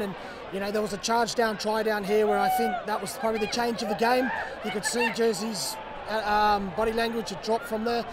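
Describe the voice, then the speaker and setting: A man in his thirties, a rugby director, giving a measured and gracious post-match interview outdoors beside the pitch. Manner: measured, gracious, hedging fillers. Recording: crowd noise outdoors.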